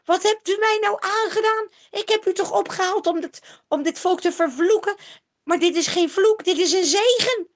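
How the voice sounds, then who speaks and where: A woman voicing a desperate pagan king who pleads and wails in a high, loud voice in a spoken Bible story. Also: moderate pace. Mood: wailing.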